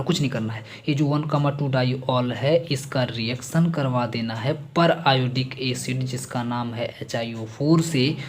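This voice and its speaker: A man's voice: mid-range voice, slight background noise. A man teaching chemistry in a chatty, repetitive way, mixing Hindi with English terms and hammering home exam points. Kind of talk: exam-focused classroom lecture.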